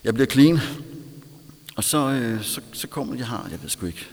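A man's voice: mid-range voice, animated, darkish tone. A man with a Danish accent telling a candid personal story in a self-mocking way, laughing often. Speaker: storyteller recounting recovery. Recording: long hall reverb.

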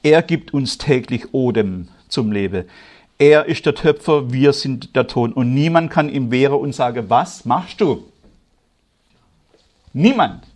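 A man delivering a sermon at a middle pitch. He speaks in measured, often quiet phrases, then climbs louder and higher with slow, stressed words as his preaching intensifies. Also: expressive. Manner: grows loud and high-pitched when stirred, slow emphatic stresses.

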